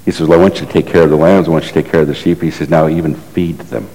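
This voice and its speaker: A man's voice: a bass voice, fairly even intonation, very fast, warm tone. A man preaching a sermon, telling a story in a conversational way and asking the congregation rhetorical questions. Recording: echoey hall reverb.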